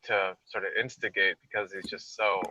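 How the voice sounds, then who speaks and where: Low, sharp-toned guy on lo-fi call. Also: steady tone, normal speed. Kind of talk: casual online hangout chat.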